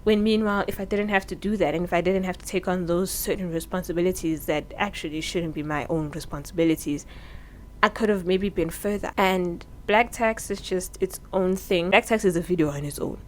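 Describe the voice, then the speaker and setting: This is a rough recording with a little hiss or hum, capturing a fairly quick, lowish, darkish voice. The speaker, a South African vlogger in her early twenties, sits indoors and talks candidly and earnestly through advice on her own popping microphone.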